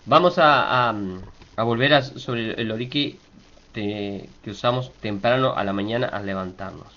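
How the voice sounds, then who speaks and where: A hoarse man giving a spoken pronunciation lesson, slowly repeating and explaining each syllable. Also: fairly low pitch, fairly bright tone, highs cut off. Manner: slow, careful, stops to spell and repeat syllables. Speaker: teacher.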